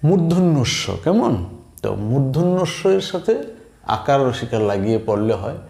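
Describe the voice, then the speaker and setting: A man teaching spelling, reciting letter-vowel combinations slowly and checking in with his students. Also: mid-range voice, lively intonation, gravelly, dark tone, reverberant. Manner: slow, drawn-out recitation with checking questions. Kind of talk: slow recited lesson.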